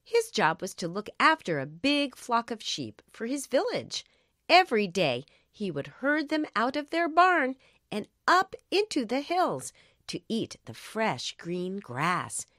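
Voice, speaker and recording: A woman narrating a children's audiobook with slow, expressive bedtime-story reading. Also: fairly high pitch, no echo, clean studio sound.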